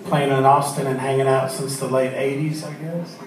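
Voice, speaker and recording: Casual musician, laid-back; very roomy, far-off sound. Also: male voice, medium pitch, flat delivery, normal speed, a little hiss or hum. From Corpus Christi, Texas. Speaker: musician guest.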